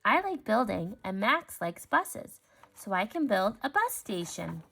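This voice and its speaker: A woman's voice: mid-range voice, big pitch swings, measured pace, vocal fry, sharp tone, husky, exaggerated voice. A woman voicing an eager, friendly little boy tiger in a storybook, curious and earnest.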